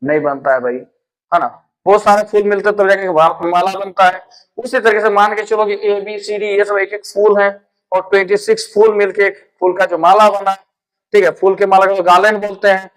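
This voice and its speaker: Male teacher, high voice, chatty lecture style with repeated questions to students. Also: steady tone, moderate pace, rough recording. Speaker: English teacher. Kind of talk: classroom lecture.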